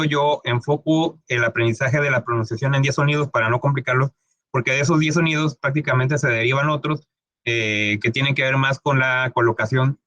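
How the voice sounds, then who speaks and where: A man's voice: medium pitch, a bit bright, no echo. A man giving a casual English pronunciation lesson, often checking in with "¿ok?" and stretching out sounds to demonstrate them. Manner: conversational, often asks "¿ok?"; many fillers and restarts, stretches words to demonstrate sounds. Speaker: English teacher.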